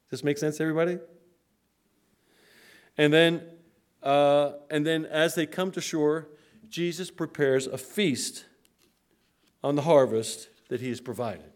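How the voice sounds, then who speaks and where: A preacher speaking to his congregation. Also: medium pitch. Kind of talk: sermon.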